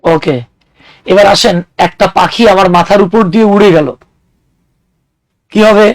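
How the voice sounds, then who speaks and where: A man's voice: high voice, normal speed, dry recording, poor audio. A man teaching an English grammar class, explaining with everyday examples and putting questions to his students. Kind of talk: classroom lecture.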